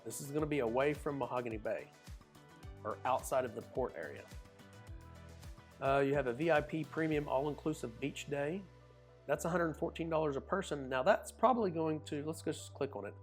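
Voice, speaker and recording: A man's voice: on the high side, fairly quick, soft background music. A man with an Oklahoma accent, casually narrating a screen walkthrough in a folksy, chatty way. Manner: folksy, chatty, says y'all. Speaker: cruise vlogger.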